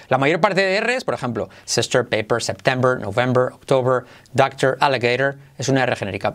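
A man teaching English pronunciation in a video lesson, repeating words slowly for practice. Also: on the high side.

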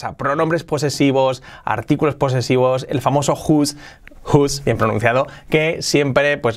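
A man teaching English in a podcast lesson, switching between explanations and slow, drawn-out English example sentences. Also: fairly high pitch.

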